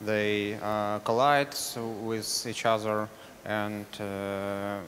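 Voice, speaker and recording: A man in a conference audience asks a technical question, halting and full of fillers. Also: fairly low pitch, level tone, fairly bright tone, slight background noise. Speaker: audience member asking a question. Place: large conference hall. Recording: distant reverberant hall with faint ambience.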